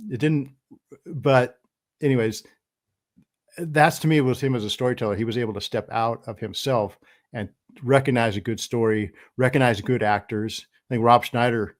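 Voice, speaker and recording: Man, mid-pitched voice, podcast guest, earnest and opinionated, casual talk. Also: steady tone, normal speed. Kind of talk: casual conversation.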